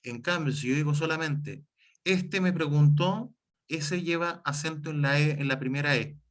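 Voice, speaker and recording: A man's voice: a little high, moderate pace. A man teaching an online class, explaining with many examples and correcting himself as he goes.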